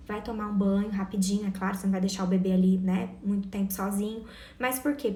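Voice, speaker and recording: A woman's voice: a little high, roomy sound. A woman, giving earnest parenting advice and speaking directly to her listeners. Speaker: parenting educator. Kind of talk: casual advice talk to parents.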